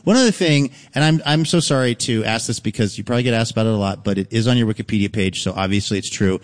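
A man's voice: on the low side, quick pace. Chatty male host in a reverberant theater. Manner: chatty, rambling questions with fillers. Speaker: radio show host. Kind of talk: live stage interview. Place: theater stage before an audience. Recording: live theater with long reverb.

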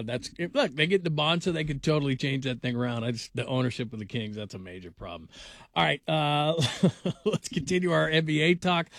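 A man's voice: mid-range voice, dry recording. Male radio host with a dry studio sound. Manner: quick interjections, friendly banter. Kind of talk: talk radio hosting.

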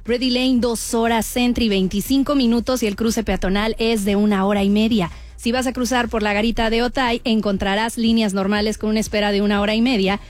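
A woman announcer reading a scripted radio update in a steady, clear way. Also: on the high side, a little fast, few pauses.

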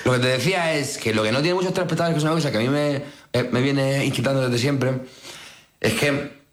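A man chatting casually in a studio, deadpan and rambling, often restarting his sentences. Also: medium pitch, a little fast. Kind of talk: casual comedic chat. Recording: roomy echo.

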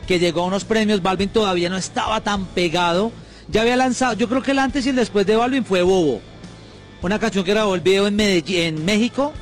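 A man with a Colombian accent hosting a radio show, talking in lively, joking morning banter. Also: high-pitched, fast, faint music behind. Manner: energetic, chatty and joking. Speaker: radio host.

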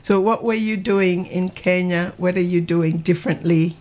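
A woman's voice: lowish voice, fairly even intonation, normal speed, darkish tone. A woman hosting a radio interview, encouraging and prompting her guest with questions. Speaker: radio host.

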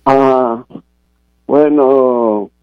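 A man from Guatemala calling a radio show, hesitant and halting as he searches for words. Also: medium pitch, fairly even intonation, no room sound. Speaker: caller. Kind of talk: phone call to radio show. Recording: tinny phone line.

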